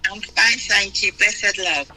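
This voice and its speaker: A woman's voice: mid-range voice, takes it slowly, bright, forceful tone, slightly rough. A woman, a guest on a phone call, answering politely and briefly. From England. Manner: polite, says "yes, sir" and gives short replies. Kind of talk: casual chat. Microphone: phone without headset.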